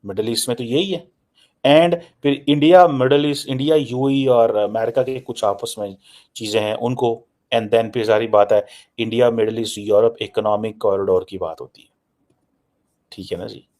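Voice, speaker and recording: At medium pitch and a moderate pace, a man with a Pakistani accent speaks in a steady, darkish tone as he analyzes the news informally. His political commentary is emphatic and repetitive, sprinkled with English phrases.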